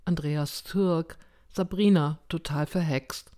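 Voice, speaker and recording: A woman reads a first-person story aloud with a slow, unhurried pace and a rather low voice. Her delivery is measured and steady, in the manner of an audiobook narration. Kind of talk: audiobook reading.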